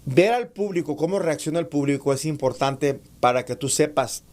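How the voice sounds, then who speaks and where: A man giving an online class on public speaking to preachers, calling them brothers, reading comments and demonstrating raised and lowered voice. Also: normal speed. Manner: addresses listeners as brothers, reads out chat comments; demonstrates shouting and lowering his voice. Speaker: preaching instructor.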